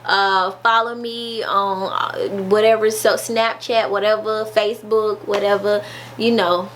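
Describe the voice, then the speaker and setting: A woman's voice: medium pitch, level tone, unhurried, a bit bright, a little hiss or hum. A woman nurse, talking casually to her viewers in a chatty, folksy way with many fillers. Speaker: nurse vlogger. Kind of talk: casual informational vlog.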